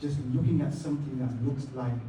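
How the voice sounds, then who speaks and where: A man delivering a eulogy to a gathering, speaking with dignified, measured grief and reverence. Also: medium pitch, steady tone. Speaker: son giving a eulogy. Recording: distant, echoey, faint noise, muffled.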